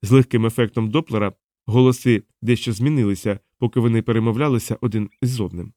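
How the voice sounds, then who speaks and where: A man narrating a science-fiction audiobook in first person, in a calm, measured reading. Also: lowish voice, dry recording, studio quality.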